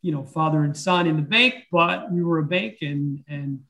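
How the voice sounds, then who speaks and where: A man speaks over a video call, talking through his work as a bank president. His voice sits a little high, and he takes his time, filling pauses with ums and the odd throat-clear. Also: bright, forceful tone. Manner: unhurried, with frequent fillers and throat-clearing. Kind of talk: interview answers.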